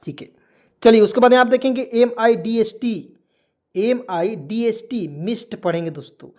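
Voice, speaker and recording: A man's voice: very high voice, normal speed, darkish tone. A man teaching English spelling in an online lesson, asking his listeners rhetorical questions and checking that they follow.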